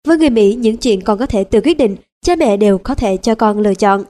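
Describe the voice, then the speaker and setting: A woman reading a nonfiction audiobook as narrator, in an even, measured way. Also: mid-range voice. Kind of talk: scripted narration.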